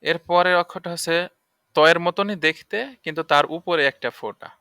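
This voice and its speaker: A man teaching Arabic letters for Quran reading in a recorded lesson, drilling syllables slowly and repeatedly. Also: on the high side, pushed and bright, smooth, no room sound. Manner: slow, repetitive drilling of syllables.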